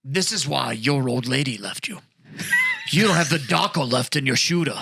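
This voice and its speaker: A man rasping as a trash-talking ork warrior. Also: mid-range voice, expressive, moderate pace, pushed and bright, voice pushed down, full character voice. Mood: scornful. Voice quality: gravelly, rasping. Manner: mocking, trash-talking, ork slang like "I be scrapping". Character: proud, quarrelsome male ork warrior who craves worthy foes. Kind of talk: improvised in-character debate.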